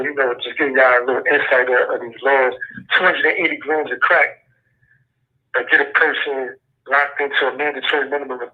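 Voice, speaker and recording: A man from Brooklyn with a Brooklyn New York accent, talking in laid-back street slang as an incarcerated guest calling in on a prison phone line. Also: medium pitch. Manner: laid-back street slang, repeats "you know what I'm saying". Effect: heard over a prison phone line. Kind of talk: casual phone interview.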